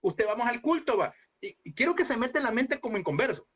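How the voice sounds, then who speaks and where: A man teaching a Bible seminary class in a lively preaching style, asking rhetorical questions and acting out scenes in sudden high shouts. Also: quick pace. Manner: animated, mimics voices with sudden high shouts; addresses listeners as brother, rhetorical questions.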